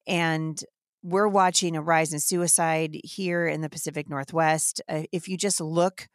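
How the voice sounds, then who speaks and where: Indignant low-voiced woman host. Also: steady tone, no echo, studio quality. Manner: indignant, emphatic, fast-flowing. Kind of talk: impassioned devotional talk.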